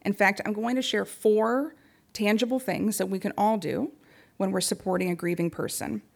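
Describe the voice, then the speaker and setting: Woman with a creaky voice giving a talk. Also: mid-range voice, steady tone, normal speed. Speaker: speaker giving a talk on grief support. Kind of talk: prepared public talk.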